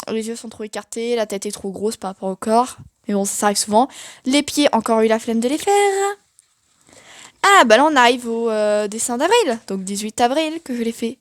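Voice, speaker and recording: A woman's voice: fairly high pitch, dry recording. A young woman giving a casual, chatty tour of her sketchbook, self-mocking and full of fillers. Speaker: art vlogger.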